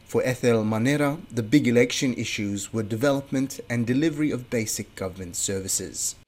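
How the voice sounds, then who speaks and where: A man's voice: medium pitch, fairly quick, a little mellow. A man working as a radio reporter, narrating a scripted news report.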